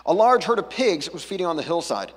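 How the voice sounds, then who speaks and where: A man's voice: a little high, big pitch swings, fast, husky, in a large hall. A man preaching a casual, chatty sermon, breaking off into jokey asides and back. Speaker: pastor. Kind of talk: conversational sermon.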